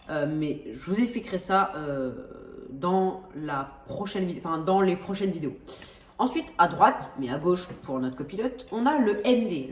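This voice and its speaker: A woman with a fairly low voice hosts a flight simulator tutorial, heard from a distance in an echoey room. She talks casually and chattily, with lots of hesitations and restarts, often joking at her own expense.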